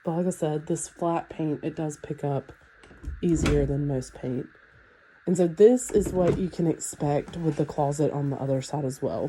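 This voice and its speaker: A low-pitched woman, heard over slight background noise, leads a laid-back walkthrough of a house as a real estate agent. A sinus infection makes her sound congested and nasal. She rambles comfortably, leaning on "um" and "like".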